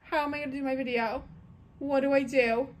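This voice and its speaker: A woman's voice: sits high, steady tone, fairly quick. A woman vlogging at home in a frightened, panicky way, repeating herself, gasping and laughing nervously. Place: house interior.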